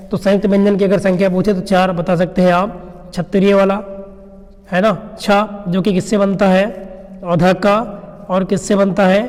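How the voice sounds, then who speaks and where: High-voiced male teacher in a reverberant room. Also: darkish tone. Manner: explains step by step, asks rhetorical questions and answers them; checks in with "है ना" and "ठीक है ना". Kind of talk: exam-prep lecture.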